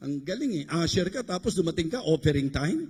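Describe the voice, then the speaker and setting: A man's voice: on the high side, very animated, fairly quick, a little mellow, slightly rough. A man from the Philippines preaching a sermon, bantering and joking with the congregation between points. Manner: joking, conversational preaching with rhetorical asides to the congregation. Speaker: bishop preaching. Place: church service abroad. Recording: echoey church hall.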